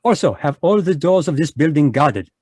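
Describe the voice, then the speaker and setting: A man's voice: a little high, moderate pace, breathy edge, no room sound, studio quality. A man doing Hercule Poirot, fussy Belgian detective. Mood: smug. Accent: put-on French. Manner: pompous, lively, polite. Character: fussy middle-aged Belgian male detective, smug. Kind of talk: old-time radio play reading. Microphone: video call microphone.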